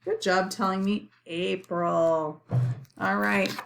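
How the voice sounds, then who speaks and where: A woman speaking like a kindergarten teacher leading young children through a lesson, encouraging them in simple, repeated phrases and pausing for answers. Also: medium pitch, fairly even intonation, creaky, a little hiss or hum.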